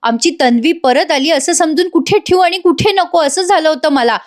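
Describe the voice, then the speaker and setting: A woman's voice: high voice, moderate pace, pitched above the performer's own voice, lightly acted. A woman reading a hurt motherly aunt. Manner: hurt, reproachful.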